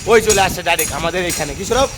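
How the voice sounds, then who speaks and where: A young man chatting to viewers while filming a casual phone vlog at home and on local roads, slightly hoarse. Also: high voice, racing, over music. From India. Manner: chatty, addresses viewers as "guys". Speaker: vlogger.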